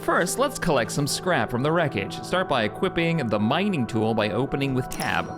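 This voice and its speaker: A man's voice: mid-range voice, sing-song, moderate pace, over music. A man streaming a game live, chatting casually, reading on-screen prompts aloud and answering his chat. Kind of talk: casual live gameplay commentary.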